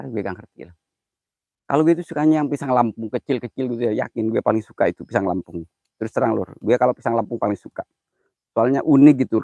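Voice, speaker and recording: A jittery man chats on a live stream, dropping into hushed prayers between louder asides. His voice sits at an ordinary middle pitch. The sound is dry and close, with no room echo. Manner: jittery, mutters prayers under his breath between loud chatter. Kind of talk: casual live-stream chat.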